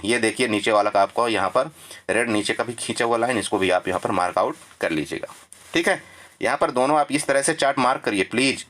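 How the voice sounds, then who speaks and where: A man's voice: lowish voice, fairly bright tone. A man walking viewers through trading charts in a casual lesson, chatty and repetitive, often checking in with his listeners. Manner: chatty, repeats "theek hai", addresses viewers as friend. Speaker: stock market trading tutor.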